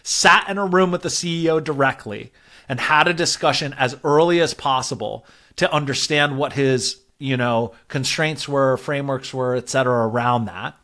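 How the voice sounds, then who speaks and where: Here a man with a mid-range voice and a sharp tone talks at normal speed. As a product and growth leader being interviewed, he lays out work ideas in a chatty way, often checking in with "right?".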